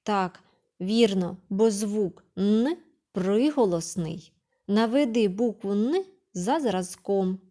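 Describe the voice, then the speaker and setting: A woman's voice: medium pitch, animated, takes it slowly, dark tone. A woman kindergarten teacher giving a remote literacy lesson to preschoolers, patiently asking questions, answering them herself and sounding out words syllable by syllable.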